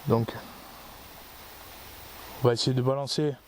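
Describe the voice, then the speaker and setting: Man, ghost-hunt host, mid-pitched, rambling explainer, outdoor forest, faint hiss. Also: fairly even intonation, a little slow, a little mellow. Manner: rambling, explains his gear at length. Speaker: paranormal investigator, channel host. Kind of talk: casual on-location commentary.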